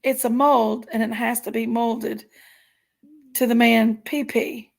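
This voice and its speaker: Her voice is on the high side, level and slow, with vocal fry. She's a livestream host in her 40s who reads viewer comments aloud, chatting frankly and giggling.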